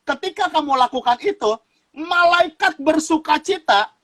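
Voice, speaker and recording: With a very high, sharp-toned voice at normal speed, this man from Sumatra, Indonesia, appears as a guest youth speaker on a casual talk show. He teaches in a preacher-like style, repeating phrases and breaking into laughter. The audio is rough.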